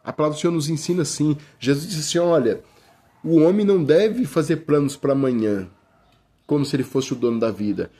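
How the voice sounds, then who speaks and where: Here a husky, warm male voice sits a little high and moves a little fast, with expressive delivery. The speaker is a middle-aged Brazilian man with a Brazilian Portuguese accent, giving a casual sermon full of restarts and frequent "brother" addresses to listeners.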